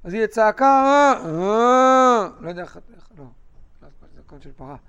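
A man teaching a Bible lesson to a class, telling the story with animated asides to his students. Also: sits high, gravelly.

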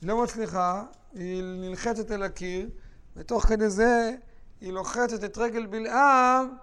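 Man, high voice, Bible teacher, lively storytelling, asides to the class. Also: smooth. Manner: animated storytelling with asides to students.

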